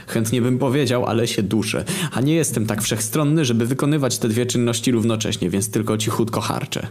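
A man's voice: medium pitch, a little fast, a little mellow. A man reading a comic story aloud, with sardonic asides and exaggerated turns.

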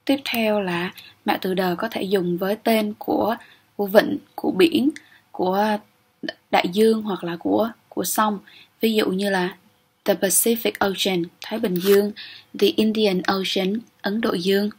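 A woman's voice: mid-range voice, fairly even intonation, measured pace, darkish tone, husky. A young woman teaching English grammar in an exam-prep lecture, explaining step by step and often checking with "ok?".

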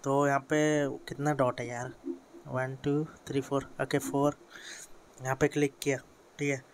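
In his bedroom with a fan going, an Indian teenager narrates a screen-recorded mobile game tutorial, casually rambling and correcting himself amid lots of fillers. His mid-range male voice sounds flat and unhurried.

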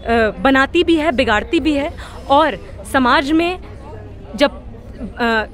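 A young woman with a high voice speaks as a student activist at an outdoor street protest. She talks in a fiery, rhetorical way, stumbling over restarts as she builds her point, with several handheld press mics held close to her. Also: lively intonation, takes it slowly, some chatter behind. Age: young adult. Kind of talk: impassioned street interview.

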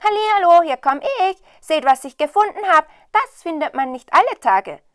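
A woman voicing a foolish, cheerful young peasant lad who shouts with glee. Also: extremely high pitch, moderate pace, no room sound, clean studio sound, faint music behind, voice pushed up. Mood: gleeful. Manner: excited, shouting gleefully.

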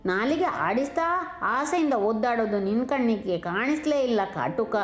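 A woman's voice: a little high, lively intonation, a little slow, echoey room. A woman doing a tender-hearted little girl. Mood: hurt, reproachful. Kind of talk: storybook reading.

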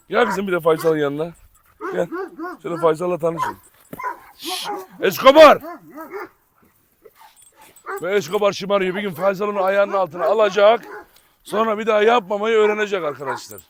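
A man running a casual farm vlog, calling and coaxing his dogs while talking to viewers. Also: sits high. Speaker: dog breeder vlogger. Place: outdoor farm with dog cages. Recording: loud background noise and barking dogs.

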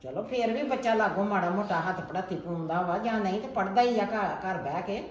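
A woman playing a sharp-tongued older mother-in-law who scolds and taunts in quick retorts, in an amateur family drama skit. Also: mid-range voice, a little hiss or hum, natural voice. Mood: taunting. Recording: echoey room.

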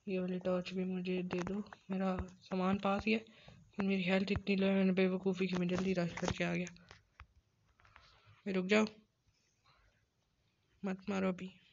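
A man's voice: sits high, monotone, normal speed, vocal fry, long pauses. A man giving solo gameplay commentary, frantic and self-scolding, repeating words and dropping to whispers. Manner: self-scolding, pleading with the game. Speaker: gamer. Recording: dull lo-fi mic with faint noise.

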